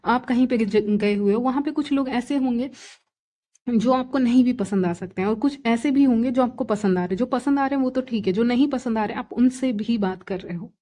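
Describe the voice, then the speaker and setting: A woman's voice: a little high, a little fast, mellow. Chatty woman giving a tarot reading. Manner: chatty, repeats phrases, frequent "theek hai" fillers. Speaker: tarot reader. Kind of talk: collective tarot reading monologue.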